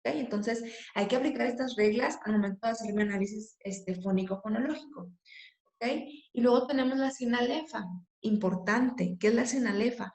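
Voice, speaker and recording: Gravelly woman teaching. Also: fairly high pitch, normal speed, darkish tone. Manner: patient, checks in with "ok?" often. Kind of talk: lesson on poetry metrics. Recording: echoey room.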